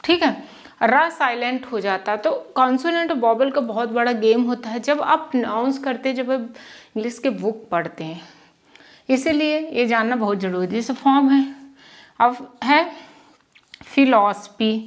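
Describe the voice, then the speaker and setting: A woman teaching English pronunciation at a whiteboard, often asking a question and answering it herself and repeating sounds slowly. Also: fairly high pitch, animated. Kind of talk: whiteboard lesson in Hindi. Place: classroom with whiteboard.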